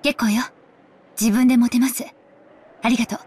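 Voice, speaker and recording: Volatile mother, high, quick, sharp. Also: fairly even intonation, slightly rough. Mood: polite. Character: harsh, volatile adult mother.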